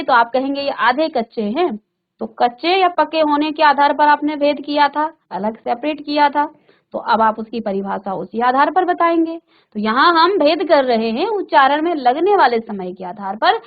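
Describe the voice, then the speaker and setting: A woman teacher with a high, narrow voice, a North Indian Hindi speaker, lectures from a virtual classroom studio over tinny audio. She explains patiently, repeating her points and using simple examples.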